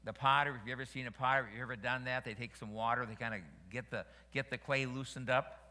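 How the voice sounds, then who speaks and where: Male pastor, bright tone, sermon delivery with repetition, church reverb. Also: medium pitch, fairly even intonation, fast talker. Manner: preaching with rising emphasis, repeating phrases. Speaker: senior pastor. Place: church sanctuary. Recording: long reverb of a church hall.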